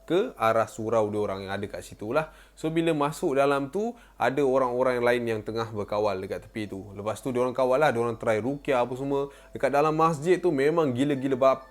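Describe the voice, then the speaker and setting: A man's voice: medium pitch, a little fast. A man with a Malaysian Malay accent casually telling a ghost story, chatty, repeating phrases and mixing in English words. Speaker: storyteller, channel host.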